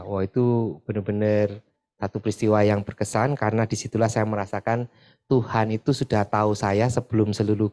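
A man from East Java leading a church group sharing session, talking casually and chatting with many filler tags. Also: lowish voice. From Pasuruan, East Java. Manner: chatty, often adds filler tags, lively when retelling stories. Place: church meeting room.

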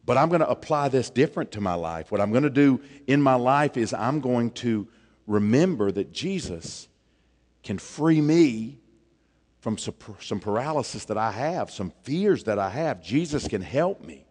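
A man, preaching an animated sermon on a church stage, dropping to a hush for emphasis. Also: medium pitch, normal speed. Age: 40s. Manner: animated, gestures widely, drops to a hush for emphasis. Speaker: pastor. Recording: long reverb of a church hall.

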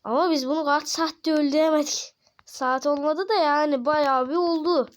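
A woman hosting a gaming channel, giving excited gameplay commentary, slangy and playful as she cheers on and taunts her teammates. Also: high-pitched, normal speed.

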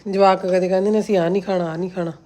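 Her fairly low, darkish voice comes out rapid-fire in a level tone as she chats casually for a home vlog. She's a woman of about forty with a homely, exclaiming, complaining aunty manner, speaking outdoors in a farmhouse yard, captured clearly with background noise and outdoor ambience.

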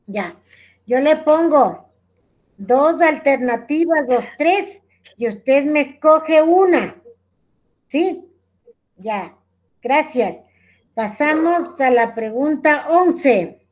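A woman's voice: high-pitched, expressive, extremely slow, pauses often, a little mellow. A woman teacher with an Ecuadorian accent, patiently giving a lesson over a video call and calling on students by name. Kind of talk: online class instruction.

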